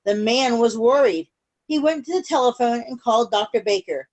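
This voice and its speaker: A high-voiced woman tells a picture-book story to little kids on a video call, breaking from the page to ask them easy questions and see how they're doing. Her delivery is animated yet slightly mellow.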